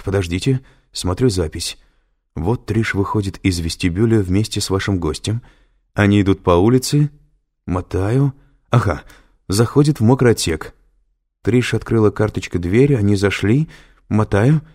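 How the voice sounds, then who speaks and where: A man's voice: on the low side, moderate pace, dark tone, slightly rough, pitched above the performer's own voice. A man reading an audiobook, voicing a nervous male security guard who grows flustered and alarmed.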